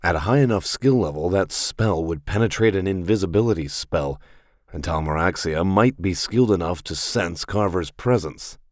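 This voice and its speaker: A man reading a fantasy game novel aloud as an audiobook narrator, in a steady, even manner. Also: sits low, normal speed, dry recording, studio quality.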